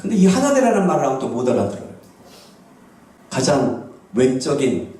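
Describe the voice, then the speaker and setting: A male pastor preaching a sermon, switching between hushed asides and loud exclamations. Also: on the low side. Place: church sanctuary. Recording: echoey church hall from a distant mic.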